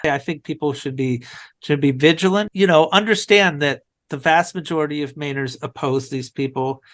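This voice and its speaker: A man's voice: a little high, normal speed, fairly bright tone. A man answering interview questions earnestly, often restarting his sentences. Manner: earnest, with many restarts and "you know". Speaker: guest.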